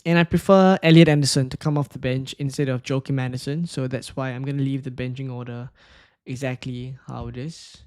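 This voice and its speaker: A man's voice: medium pitch, fairly even intonation, fairly quick, a little mellow, clean tone, dry recording, studio quality. A man from Singapore, casually talking through his picks and answering chat questions on a live stream, thinking aloud with fillers and restarts. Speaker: fantasy football streamer.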